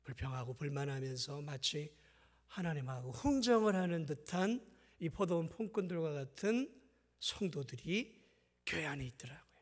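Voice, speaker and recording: A man preaching a sermon as pastor, dramatic, dropping to hushed asides and rising to loud, pleading outbursts. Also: fairly high pitch, expressive, moderate pace, long reverb tail.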